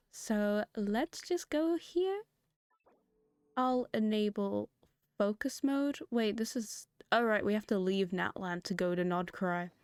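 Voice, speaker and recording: A hoarse woman hosting a gaming video, giving chatty, giggly commentary with sudden high excited jumps. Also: dry recording, clean studio sound. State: hoarse, has lost her voice. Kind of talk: casual gameplay commentary.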